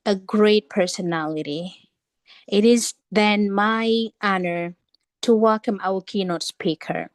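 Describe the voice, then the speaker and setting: A woman's voice: mid-range voice, no room sound. A woman moderating an event, introducing the keynote speaker in a formal, ceremonious way. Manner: slow, ceremonious, deliberate.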